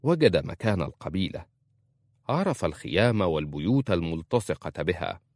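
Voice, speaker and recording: A man giving measured, dramatic audiobook narration of a novel, recorded close on a dry studio mic. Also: deep voice, big pitch swings, darkish tone, dry recording.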